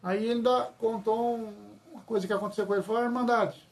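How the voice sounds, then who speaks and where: A man's voice: high voice, level tone, fast, creaky, a little mellow. A man telling a church testimony, retelling it emphatically with lots of repetition. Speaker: church member giving testimony. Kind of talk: testimony storytelling.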